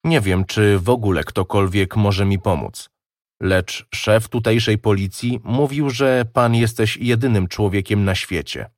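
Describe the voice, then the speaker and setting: A man's voice: fairly low pitch, a little slow, dry recording, clean studio sound, natural voice. A man reading as a gloomy, troubled young man. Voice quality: hollow, muted delivery.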